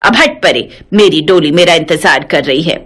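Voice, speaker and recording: A woman voicing a sharp-tongued widowed mother-in-law in her sixties, scolding and scornful. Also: deep voice, expressive, moderate pace, voice pushed down. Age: 60s. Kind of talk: animated story voice acting.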